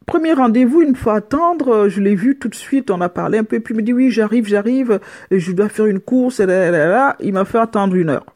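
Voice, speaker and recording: A middle-aged woman giving a casual spoken account, animated, with frequent restarts, slipping into other people's voices with sudden pitch jumps. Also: a little fast. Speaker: storyteller recounting a personal experience.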